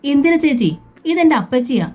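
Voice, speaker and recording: A woman's voice: high-pitched, big pitch swings, moderate pace, darkish tone, pitched above the performer's own voice. A woman voicing a distressed young woman who pleads earnestly, in a storybook reading. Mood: urgent.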